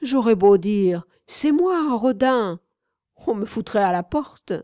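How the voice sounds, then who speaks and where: A woman's voice: a little high, animated, slow, warm tone, no room sound, studio quality, pitched above the performer's own voice. A woman voicing an aging, celebrated male sculptor who muses aloud with rhetorical questions, in an audiobook reading. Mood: expansive.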